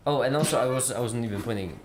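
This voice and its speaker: A man's voice: mid-range voice, racing, roomy sound, heavy background noise. A man chatting casually on a live stream while eating, often talking with his mouth full.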